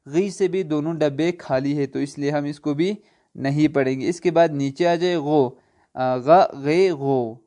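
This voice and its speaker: Man slowly spelling out vocabulary. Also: a little high, warm tone. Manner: repetitive quiz-style questions and answers; slow spelled-out letter names. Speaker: Persian language teacher. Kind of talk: online language lesson.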